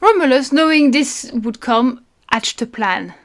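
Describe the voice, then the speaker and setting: High-voiced woman narrating history. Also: expressive. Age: adult parent. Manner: measured storyteller, dry asides. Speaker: podcast co-host narrating history. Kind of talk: read-aloud history narration with banter.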